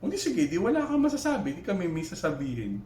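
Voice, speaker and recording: A man's voice: sits high, huge pitch swings, quick pace, dark tone. Man, Filipino accent, argumentative vlog reaction, rhetorical questions, echoey room, faint hum. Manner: argumentative, Taglish, rhetorical questions, many restarts. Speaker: vlogger reacting to another creator. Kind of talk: heated reaction commentary.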